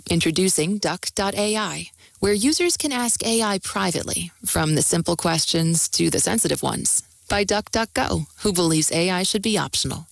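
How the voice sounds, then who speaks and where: A woman reading sponsor announcements for a radio station in a smooth, even announcer cadence. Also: lowish voice, normal speed, few pauses, dry recording. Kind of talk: scripted sponsor reads.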